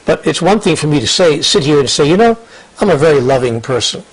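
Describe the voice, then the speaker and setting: Earnest older man, husky voice. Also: on the high side, fast talker, rough recording. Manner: earnest, repeats words and restarts, quotes others in lively asides. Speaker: interview guest, author. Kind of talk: reflective conversational storytelling.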